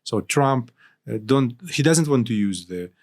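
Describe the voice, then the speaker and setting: A man from Ukraine, speaking as a guest analyst in an interview, with halting phrasing and frequent restarts. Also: medium pitch, expressive. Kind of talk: interview discussion.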